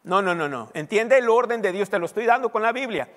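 A man's voice: high-pitched, expressive, brisk, fairly bright tone. A man preaching a sermon as pastor, teaching and quizzing his congregation with call-and-response questions. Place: church hall. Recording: long hall reverb.

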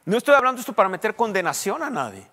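A man's voice: high-pitched, very animated, racing, pushed and bright. A man, a pastor preaching in a conversational way that rises to emphatic questions. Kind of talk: sermon. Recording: long hall reverb.

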